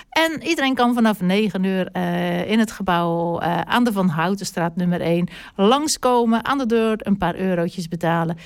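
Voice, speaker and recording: A woman hosting a local radio show, chatting casually and reading out local events with many filler sounds. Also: mid-range voice. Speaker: radio host.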